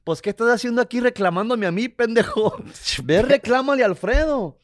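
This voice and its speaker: A man's voice: very high-pitched, animated, a little fast, no room sound, clean studio sound, voice pushed up. A man voicing his stern, impatient father, barking out scolding orders.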